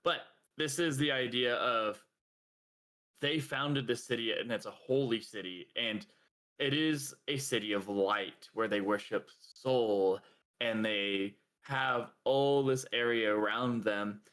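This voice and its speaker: A man's voice: mid-range voice, slow, fairly bright tone. A young man co-hosting a podcast, rambling casually with lots of fillers and frequent laughs. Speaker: podcast co-host. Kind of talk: casual chat.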